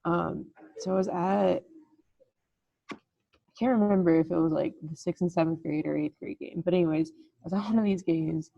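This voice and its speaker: A woman with a lowish, gravelly voice chats on a casual podcast, laughing through her stories as an athletic trainer. The recording is dry and a bit dull, with a lo-fi sound. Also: steady tone, normal speed, mellow, no room sound. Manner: chatty, laughs while telling stories.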